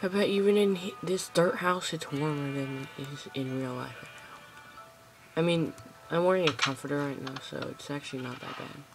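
A gameplay host with a mid-range voice chats and rambles to viewers at a moderate pace while playing at home, with music underneath. The rough recording comes from a phone camera aimed at the screen.

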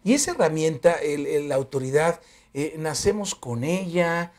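A man's voice: on the high side, lively intonation, moderate pace, a little mellow. A man hosting a TV talk show, asking questions casually with frequent fillers. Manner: conversational, frequent fillers like "este".

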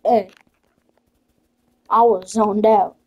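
A woman's voice: mid-range voice, steady tone, very slow, highs cut off. A woman in loose, slangy chat while playing a football video game with a friend. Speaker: gamer. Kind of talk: casual gaming chat.

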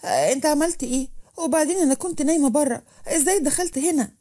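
A woman voicing a stubborn, proud young woman with an Egyptian Arabic accent, firing back sharp retorts in a raised voice. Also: on the high side, racing, natural voice. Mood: flustered.

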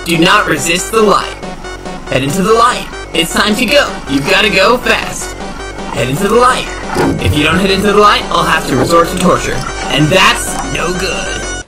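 A man's voice: sits high, animated, moderate pace. A man voicing a perky, cocky young cartoon hedgehog who gives driving instructions in an analog horror parody, upbeat with a hint of menace. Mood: insistent, menacing. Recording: roomy, distant sound under music. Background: music.

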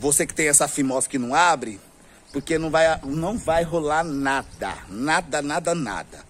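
A man's voice: on the high side, fairly even intonation, moderate pace, a bit bright, a little hiss or hum. A man with a Brazilian accent telling a story to camera in a flamboyant, gossipy way, laughing often, outdoors on a street. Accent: Brazilian Portuguese. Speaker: vlogger.

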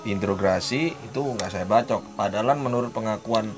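A soft-spoken male host who interviews a guest and nudges him along with short prompts. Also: fairly low pitch, brisk. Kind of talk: casual interview. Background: music.

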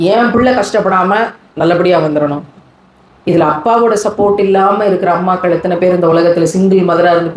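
A woman preacher giving an animated sermon to young people, acting out what children and mothers say. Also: medium pitch, echoey room, low-quality recording. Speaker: Islamic preacher.

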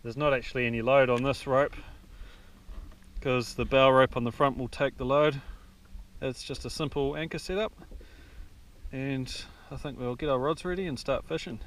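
A man in his thirties from New Zealand, calmly explaining his fishing setup while out on a jet ski, recorded on an action camera. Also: medium pitch, normal speed. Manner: relaxed, explanatory, practical. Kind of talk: casual how-to narration. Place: on a jet ski out on open water. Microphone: action camera mounted on the craft. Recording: windy outdoor action-camera audio. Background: wind and water noise.

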